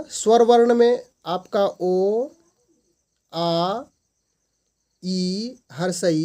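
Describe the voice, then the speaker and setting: A man's voice: high-pitched, darkish tone. A man teaching a grammar lesson as the host of his channel, stating each definition and then restating it in simpler words.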